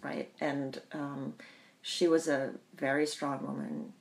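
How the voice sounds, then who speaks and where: A woman who grew up in the Bahamas, telling her family history in an interview, thoughtful and pausing often. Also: low voice, level tone, creaky, a little mellow. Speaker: interview guest. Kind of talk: reflective personal storytelling.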